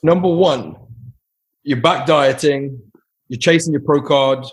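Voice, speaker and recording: A man's voice: on the high side, slow, slightly rough. A man hosting a podcast who interviews his guest in a casual, friendly way with short responses. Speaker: podcast host.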